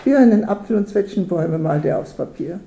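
A narrator reads a homely storybook tale aloud and slips into voices for its characters. The tone is warm, dark and mellow. The reading rings a little in a roomy space. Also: mid-range voice, fairly quick. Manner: lively voicing of characters. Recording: roomy echo.

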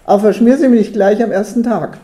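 A narrator doing a gruff scolding village father. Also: medium pitch, quick pace, warm tone, natural voice. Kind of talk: storybook reading. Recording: roomy echo.

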